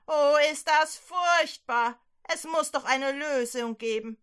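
A woman's voice: slow pace, a bit bright. A woman doing a wailing despairing old king. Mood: moaning. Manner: wailing, shrill and blaming.

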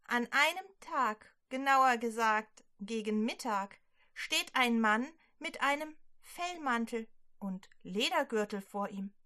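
A woman leading a prayer and telling a Bible story to children, gentle and clearly spoken. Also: a little high, expressive, takes it slowly.

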